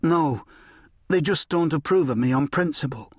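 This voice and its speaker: A man voicing a small, bullied schoolboy who speaks tersely and quietly. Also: fairly high pitch, normal speed, no room sound, clean studio sound, lightly acted. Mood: subdued. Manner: terse, subdued.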